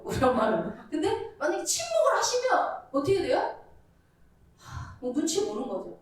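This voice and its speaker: Animated woman preacher in echoey hall. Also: high-pitched, distant mic. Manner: animated, conversational, many rhetorical questions. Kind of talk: sermon. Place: church sanctuary.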